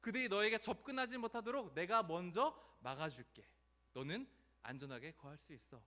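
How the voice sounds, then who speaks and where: A man voicing a gentle male God who tenderly reassures a frightened follower, in a soft, soothing way. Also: high-pitched, animated, a little fast. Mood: reassuring.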